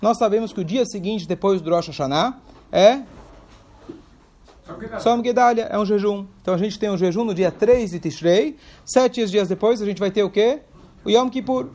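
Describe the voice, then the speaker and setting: Male religious teacher, high-pitched, explanatory, rhetorical questions. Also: moderate pace, darkish tone. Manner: explains step by step, asks questions aloud. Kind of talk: Torah class.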